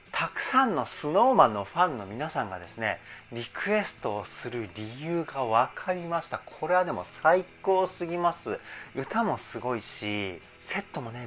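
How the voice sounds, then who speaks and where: A man working as a vocal trainer, giving casual, enthusiastic analysis of a music video's singing and breaking in with excited remarks as he explains. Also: medium pitch.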